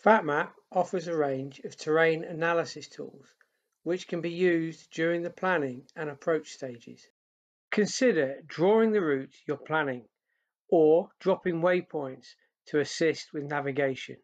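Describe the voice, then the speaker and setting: A man reading scripted instructional voice-over in an even, read-out manner. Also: a little high, measured pace, dry recording, lo-fi sound. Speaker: narrator.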